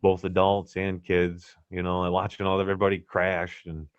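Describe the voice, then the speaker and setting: A man's voice: low voice, monotone, normal speed, clear, resonant tone, no echo. A man co-hosting a podcast, chatting casually in laid-back stoner slang with free swearing, on a slightly lo-fi recording. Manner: swears freely. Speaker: podcast co-host. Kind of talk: casual chat and anecdotes.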